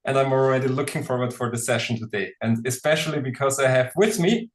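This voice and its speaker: An Austrian man in his forties, speaking with an Austrian German accent in a mid-range voice, talks fast. As co-founder and presenter, he gives a webinar marked by frequent hesitations.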